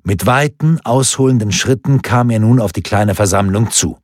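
A man's voice: fairly low pitch, normal speed, a little mellow, no echo, studio quality. A man reading a historical novel aloud as audiobook narrator. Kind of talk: scripted narration.

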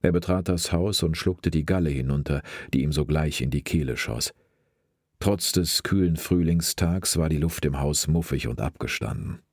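A man narrates a crime story in a deep, husky voice, steady and measured. The recording is dry and close, with no room sound. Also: dry recording. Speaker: audiobook narrator.

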